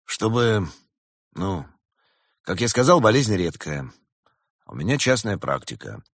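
A man's voice: lowish voice, sing-song, a little slow, no echo, studio quality, full character voice. A man voicing a nervous, defensive male rabbit doctor in a read-aloud fairy tale. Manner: fretful, defensive.

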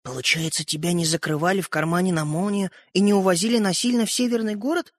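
A man's voice: high-pitched, fairly even intonation, fast talker, dry recording, studio quality. A man voicing a thoughtful, easily hurt young boy in a storybook, asking questions. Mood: questioning, hurt.

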